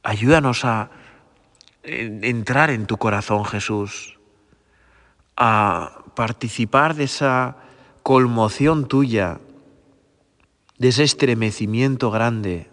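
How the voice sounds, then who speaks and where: A man giving a gentle, prayerful sermon, often repeating phrases and asking his listeners for agreement. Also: medium pitch, slow, pauses often, in a large hall. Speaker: priest. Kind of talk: meditative sermon.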